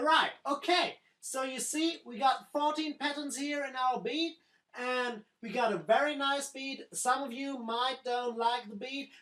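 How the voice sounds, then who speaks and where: Slow, echoey woman explaining software. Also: fairly high pitch. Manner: simple phrasing, doubling words like "very, very nice". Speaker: music production tutor. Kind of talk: screen-recorded software tutorial.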